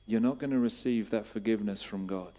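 A man preaching a sermon, asking repeated questions and building to emphatic, louder bursts. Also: lowish voice, brisk.

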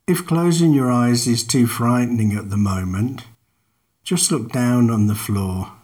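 A man leads a guided meditation at a very slow pace. His voice sits at a middle pitch, and his delivery is calm and measured. He gives each instruction with long pauses around it.

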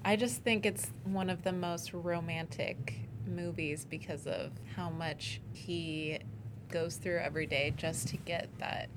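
A woman co-hosting a casual podcast, animated and teasing. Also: lowish voice, a little slow, background noise. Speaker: podcast co-host.

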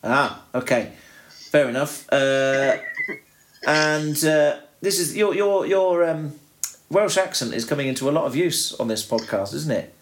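A man's voice: on the high side, expressive, a little slow. A man from the UK co-hosting a podcast in casual chat, rambling along with restarts and fillers. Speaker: podcast co-host.

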